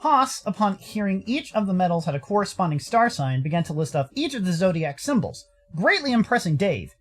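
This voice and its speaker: Soft music plays behind an American man voicing a visual novel's young furry hero, a curious and skeptical character who both narrates and talks. The delivery is dry and questioning with a thoughtful mood, his high voice swinging widely in pitch at a brisk pace.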